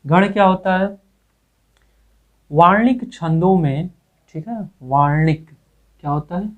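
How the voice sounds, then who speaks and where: A male teacher gives a grammar lesson in a high, slow voice, posing questions and answering them himself with lots of repetition. The recording sounds tinny, like a phone.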